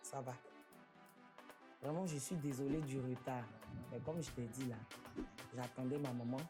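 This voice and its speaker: A woman's voice: rumbling low, steady tone, moderate pace, music in the background. An actress playing an aggrieved young wife with an Ivorian French accent who plaintively recounts her grievances.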